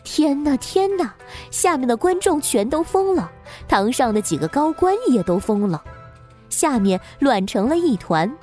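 A woman narrating a story in an expressive, dramatic way. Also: fairly high pitch, moderate pace. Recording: faint background music.

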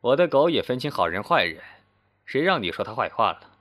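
A man's voice: mid-range voice, very animated, fairly quick, fairly bright tone. A man voicing a proud, stubborn fifty-year-old who answers with blunt, boastful retorts in a story reading. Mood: defiant. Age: 50s.

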